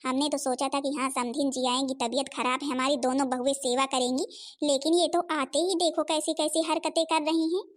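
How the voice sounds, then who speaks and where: A woman's voice: high voice, steady tone, fairly quick, natural voice. A woman voicing a suspicious older mother-in-law grumbling about a visiting relative in a Hindi cartoon.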